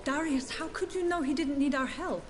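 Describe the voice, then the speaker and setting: A woman voices a concerned clinic worker in a game, earnest and questioning in a high voice. Noise hums under the game sound. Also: a little fast, natural voice. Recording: noisy game audio.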